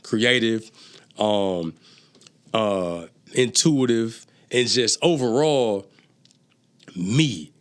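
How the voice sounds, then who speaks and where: This lowish-voiced man draws out his words and leaves long pauses. A rapper and entrepreneur, he's the guest in a casual talk, telling stories in profane street slang and stammering through restarts when excitement takes hold.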